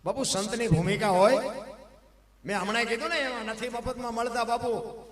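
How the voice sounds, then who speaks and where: A man telling devotional stories in a satsang sermon, fervent and often swelling into loud, emphatic cries. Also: very high-pitched, fairly even intonation, moderate pace. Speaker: devotional storyteller. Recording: echoey hall with long reverb.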